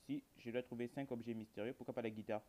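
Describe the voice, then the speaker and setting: Fast-talking man commentating a horror game. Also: medium pitch, steady tone, warm tone. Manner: rambling, addresses viewers, colloquial, dryly joking. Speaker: gamer, video host.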